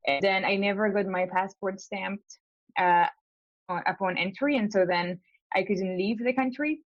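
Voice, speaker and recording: A woman's voice: mid-range voice, moderate pace, dry recording, dull audio. A young woman from Spain, a law school applicant, talking hesitantly with many fillers in a casual coaching call. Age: young adult.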